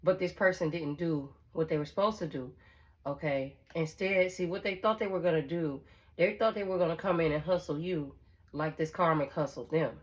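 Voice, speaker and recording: A tarot reader with a notably low voice gives her viewers a loose, conversational reading at a moderate pace. She's blunt and swears freely, circling back over her own phrases and checking in with her listener often.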